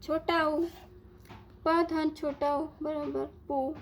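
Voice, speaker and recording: A woman teaching a lesson, asking questions and answering them herself in a slow, deliberate way. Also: high-pitched, level tone, slight background noise. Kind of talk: Hindi grammar lesson.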